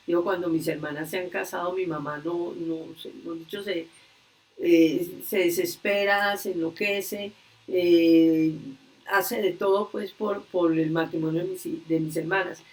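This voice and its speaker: A woman leading a religious workshop, earnestly retelling a story slowly and with frequent hesitations over a video call. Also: lowish voice. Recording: distant video-call audio.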